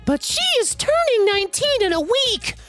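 A woman's voice: very high voice, sing-song, normal speed, a bit bright, faint music behind, voice pushed up, heavily acted. A woman voicing an indignant, entitled middle-aged mother who screeches at a store clerk.

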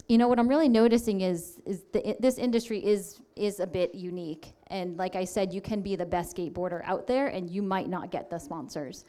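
A woman's voice: medium pitch, dark tone, clear, resonant tone. A woman speaking as a panel guest, explaining her work conversationally. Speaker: panel guest, athletes' agent.

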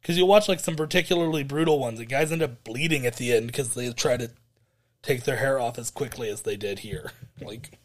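A man's voice: medium pitch, a little fast. A man co-hosting a podcast, recapping a wrestling event in a rambling, hesitant way with frequent laughs. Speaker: podcast co-host.

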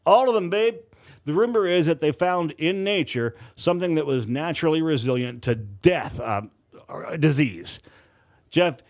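A man voicing a tipsy young woman nurse. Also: fairly high pitch.

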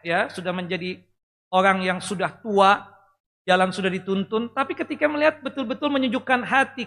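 A man preaching to his congregation in a lively voice, firing questions at the listeners and cracking small jokes. His tone is bright and forceful. The sound carries a long hall reverb. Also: high voice. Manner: lively, talks directly to the audience, jokes and asks questions. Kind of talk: Islamic sermon.

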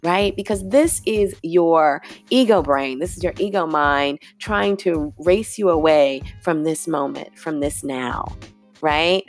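Woman, low voice, podcast host, conversational, reflective, faint music underneath. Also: slow pace. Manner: conversational, often asks "right?" and says "y'all". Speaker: podcast host and yoga teacher. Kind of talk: reflective solo podcast talk.

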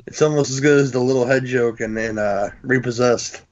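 A man's voice: medium pitch, steady tone, a little fast, a little mellow, lo-fi sound. A man making crude wisecracks in a casual chat among friends while watching a movie.

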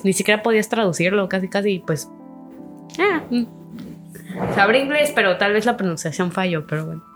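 A young woman with a Mexican accent, chatting casually on a podcast. She tells animated stories and jumps into the voices of the people she's quoting. Music plays clearly underneath her voice. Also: medium pitch. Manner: animated storytelling, acts out dialogue. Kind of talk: casual chat. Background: background music.

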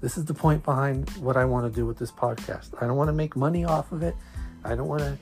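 Brooklyn accent, podcast host, medium pitch, earnest, emphatic, conversational delivery. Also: quick pace, a little mellow, faint music behind.

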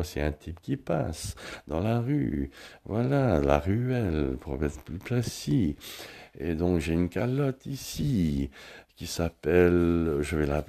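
A man with a French accent and a very low, gravelly voice that has a dark, mellow tone. He talks slowly in a wandering, musing way, mocking himself as he walks through his small bedroom for a vlog. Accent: French from France. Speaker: vlogger. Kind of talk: rambling room-tour monologue.

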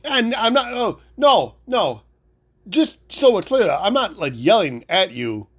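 A man hosting his own podcast, talking loudly in a rambling, excitable way, often stopping and restarting his sentences. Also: sits high, a little slow, breathy edge. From Italian heritage. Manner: loud, rambling, self-interrupting, excitable. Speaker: podcast host. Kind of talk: solo podcast rant.

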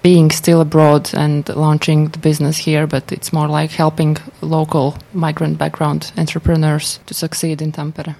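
Lower-voiced woman with a Latvian accent. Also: monotone, normal speed, gravelly, few pauses, dark tone. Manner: hesitant, often repeats words. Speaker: interview guest, business consultant for entrepreneurs. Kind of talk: spontaneous interview answers.

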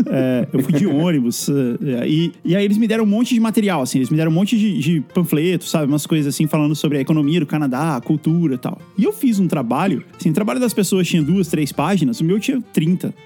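A Brazilian man in his thirties, a guest musician telling stories in a lively, filler-heavy casual chat. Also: on the high side, fast talker, hardly any pauses, slightly rough, faint music behind. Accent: Brazilian Portuguese. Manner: animated storyteller, many fillers.

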